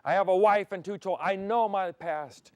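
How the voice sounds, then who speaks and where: An older man raised in Thailand, a pastor, delivers a televised sermon from a studio set through a lapel mic. His high voice moves at normal speed, swinging between loud emphasis and soft, intimate passages. The audio is dull, with no room sound.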